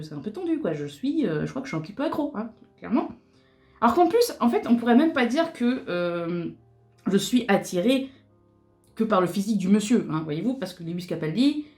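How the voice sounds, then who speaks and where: A woman's voice: lowish voice, a little mellow. A young woman chatting casually and laughing as she does her makeup for a vlog, with lots of fillers and restarts. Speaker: beauty vlogger. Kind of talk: casual chat while doing makeup.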